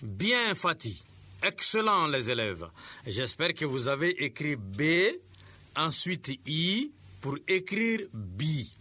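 A man's voice: fairly high pitch, big pitch swings, takes it slowly, bright, forceful tone, no room sound. A man teaching a scripted radio lesson, patiently praising pupils and guiding teachers.

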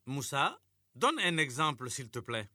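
A man leads a radio lesson for young pupils. His voice is strikingly bright and lively in pitch, and he speaks very slowly and clearly. The studio sound is dry and close. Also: no echo. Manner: slow, clear, patient classroom delivery. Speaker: radio teacher and host.

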